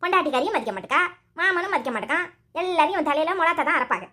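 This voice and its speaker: A woman voicing a nagging, sharp-tongued old mother-in-law in a cartoon, speaking Tirunelveli Tamil with quick, sarcastic scolding. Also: high voice, expressive.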